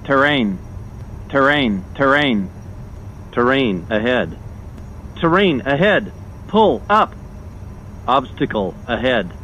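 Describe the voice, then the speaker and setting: A man's voice: mid-range voice, big pitch swings, takes it slowly, pauses often. A man delivering terse, urgent automated alerts as a cockpit warning voice. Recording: muffled lo-fi alert with faint noise.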